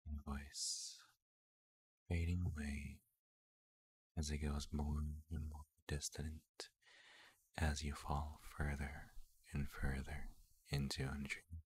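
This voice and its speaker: A person softly whispering a slow, soothing sleep talk-down, with small quiet laughs now and then. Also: very deep voice, level tone, husky. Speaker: ASMR sleep guide.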